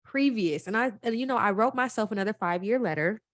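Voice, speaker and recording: A woman's voice: fairly high pitch, animated, fairly quick, dry recording. A woman, talking in a heartfelt, emotional way, close to tears. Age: 20s. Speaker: podcast co-host. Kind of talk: casual chat.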